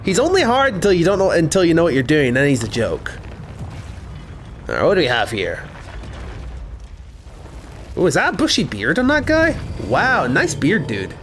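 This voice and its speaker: A man's voice: fairly high pitch, wildly swooping pitch, normal speed, long pauses, fairly bright tone, slight background noise. A young man streaming a game, chatting casually in a rambling, talkative way. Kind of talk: casual gameplay commentary.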